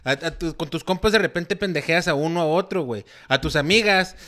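Mexican man, fast and bright-voiced, joking in a casual soccer chat. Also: fairly high pitch. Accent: Mexican Spanish. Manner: joking, slangy. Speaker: podcast co-host.

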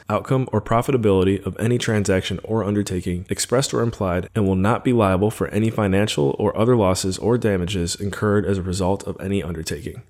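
Man, lowish voice, fast legal disclaimer, formal scripted read, steady recital.

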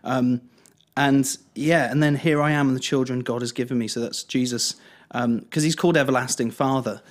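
A man in an easygoing conversation about scripture, his voice pitched in the ordinary middle range. He thinks aloud, drifting off and starting sentences over. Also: fairly even intonation, moderate pace. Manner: thoughtful, trailing off and restarting. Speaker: church leader discussing scripture. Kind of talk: casual Bible discussion.

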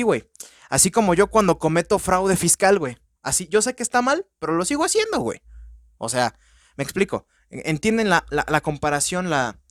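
Profane, excitable Mexican man, slightly high. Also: no echo, clean studio sound. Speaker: podcast host. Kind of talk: casual movie-review monologue.

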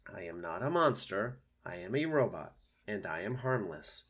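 A man voicing a gentle, naive female robot in a storybook, polite, measured and overly formal. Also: on the low side, big pitch swings, breathy edge, full character voice. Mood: polite, calm. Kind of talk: storybook read-aloud voice.

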